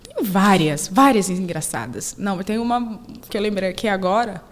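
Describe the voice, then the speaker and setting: A young adult woman, a solo mother talking casually in a podcast interview and acting out her daughters' voices as she tells stories. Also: normal speed. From Brazil. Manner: animated storyteller, acts out her daughters in a high voice. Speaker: podcast host sharing her story.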